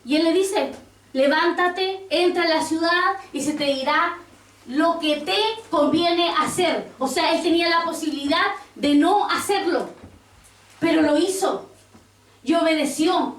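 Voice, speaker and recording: A woman's voice: very high voice, unhurried. A woman pastor preaching a sermon, quoting scripture and asking the congregation questions. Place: church. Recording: roomy church sound from a distance.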